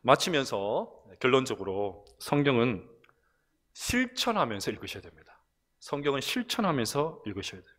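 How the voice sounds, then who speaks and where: A middle-aged man from the Gyeongsang region of Korea with a Gyeongsang accent, preaching a conversational sermon in church and telling stories with animated asides. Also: mid-range voice, moderate pace. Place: church, recorded from broadcast room.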